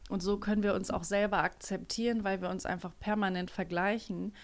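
A woman's voice: medium pitch, steady tone, a little fast. Young woman co-host, casual and opinionated, frequent restarts. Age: young adult. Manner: chatty, opinionated, restarts often. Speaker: podcast co-host. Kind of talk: casual chat.

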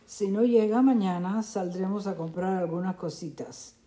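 A woman voicing a calm, cheerful middle-aged mother who speaks soothingly, in a storybook reading. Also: medium pitch, moderate pace, lightly acted. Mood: reassuring. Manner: soothing, reassuring.

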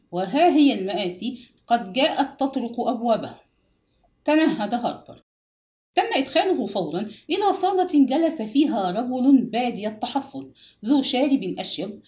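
Audiobook narrator: woman, lively pitch, read in an echoey room.

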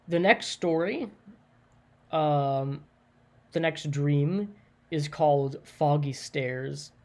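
An easygoing solo podcaster talking through stories in a loose, unscripted way. The speech wanders, is full of fillers, and keeps circling back to explain a detail again. The pitch sits in the middle, neither high nor low. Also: drawn-out words, long pauses, darkish tone. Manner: rambling, lots of likes and ums; stops often to clarify and rephrase. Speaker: podcast host. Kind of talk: casual solo podcast storytelling.

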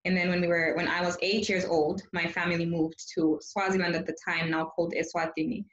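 A woman pastor, originally from Zambia, speaks in a lowish voice and takes her time in a calm, reflective interview. The sound is echoey and a little dull, like a lo-fi remote call. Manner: reflective, unhurried, personal storytelling. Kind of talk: conversational interview.

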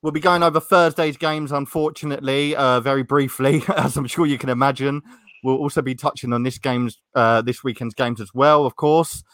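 A man's voice: mid-range voice, steady tone, normal speed, a bit bright, no room sound. Male sports podcast host, dry close sound. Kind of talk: casual sports chat.

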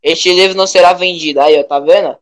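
A young man with a Brazilian Portuguese accent, chatting casually in a rambling, animated way full of slang. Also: high-pitched, fast talker, dry recording.

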